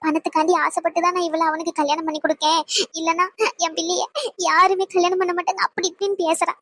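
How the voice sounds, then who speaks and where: A woman's voice: very high-pitched, little pitch movement, fast, fairly bright tone. A woman voicing an anxious, tearful middle-aged mother in a cartoon family drama. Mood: distressed.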